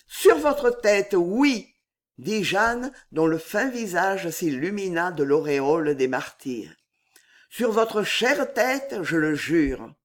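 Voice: mid-range voice, lively intonation, slow pace. A reader voicing a young woman who hides her despair, speaking firmly and with control. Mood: solemn. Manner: firm, controlled. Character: young bride hiding despair, resolute. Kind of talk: audiobook character reading.

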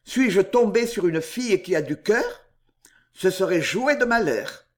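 A woman voicing a calm, cunning middle-aged gentleman in an audiobook, speaking in a measured, unruffled way. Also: mid-range voice, lightly acted. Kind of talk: audiobook character reading.

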